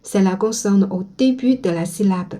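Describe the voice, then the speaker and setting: A woman whose first language is Chinese, teaching pronunciation slowly and modeling each sound for learners to repeat. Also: mid-range voice, warm tone. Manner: slow and careful, models sounds for repetition. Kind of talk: slow spoken language lesson.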